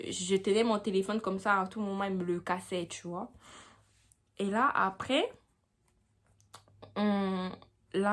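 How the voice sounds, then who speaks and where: Chatty young woman doing a story time vlog, lots of slang and "tu vois", medium pitch. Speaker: vlogger.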